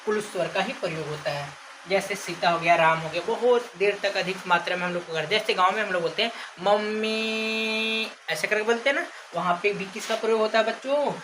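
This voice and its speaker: A woman with a medium-pitched voice talks quickly while teaching children a grammar lesson, asking the class question after question and drawing out example words. She stretches out the names she calls as examples, and there's noisy ambience in the background.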